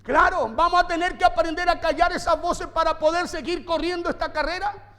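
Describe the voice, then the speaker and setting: Male pastor, very high voice, emphatic sermon, church reverb. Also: steady tone, fairly quick, pushed and bright. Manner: emphatic preaching with repeated phrases and rhetorical questions.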